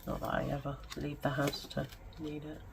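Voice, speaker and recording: A woman hosting a casual unboxing, talking with excited, breathy exclamations. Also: low-pitched, moderate pace, very noisy. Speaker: unboxing video host. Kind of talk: casual product unboxing commentary.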